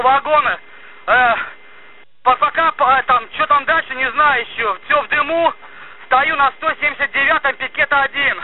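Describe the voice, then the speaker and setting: A man's voice comes through a two-way radio, thin and tinny like a phone line, with loud static behind it. He sounds very high for a man and gives terse, halting reports to a dispatcher as a train driver. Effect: two-way radio transmission.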